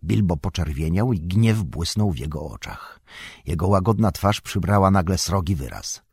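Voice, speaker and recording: A man narrating an audiobook in a measured, steady reading voice. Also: husky, no echo, studio quality. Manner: measured, dropping into a low hush. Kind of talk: scripted narration.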